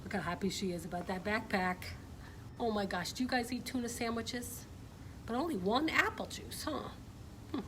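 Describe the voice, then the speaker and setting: A middle-aged woman with a slightly high voice and normal speed runs a casual story-time livestream for young listeners. She mixes informal chat with a picture-book read-aloud, and clear background noise is present.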